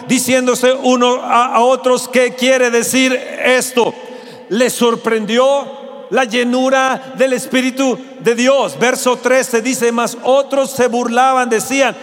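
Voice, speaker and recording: A man preaching a fervent sermon in a church auditorium, often shouting, with a Mexican Spanish accent. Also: very high-pitched, long reverb tail. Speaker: pastor.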